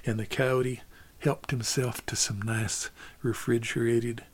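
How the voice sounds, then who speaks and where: A man telling a story in an unhurried, easygoing way, often repeating words as he gathers his thoughts. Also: medium pitch, little pitch movement, breathy edge. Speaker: storyteller and singer.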